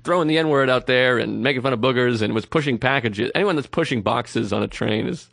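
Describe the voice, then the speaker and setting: A man's voice: mid-range voice, brisk, vocal fry, a bit bright, dry recording, studio quality. A man co-hosting a podcast, telling stories in a rambling, casual comedic way and acting out what people said. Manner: rambling storytelling, acts out quotes. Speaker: podcast co-host.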